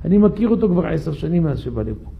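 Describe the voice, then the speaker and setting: A man's voice: a little high, vocal fry, muffled recording. A man, a rabbi, telling a story in a synagogue sermon and questioning his listeners. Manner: animated, questions the audience.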